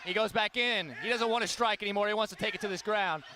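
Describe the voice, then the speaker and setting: A man calling a fight play by play, excited and shouting at the big moments. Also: sits high, quick pace, a crowd in the background. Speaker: play-by-play commentator. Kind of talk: fight commentary.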